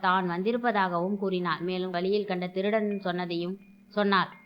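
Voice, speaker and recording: A woman's voice: lowish voice, steady tone, fairly quick, clear, resonant tone, lo-fi sound. A woman hosting a storytelling show, reading a folk tale aloud and raising her voice for the characters' lines. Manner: acts out character lines in a raised voice. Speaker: storyteller host.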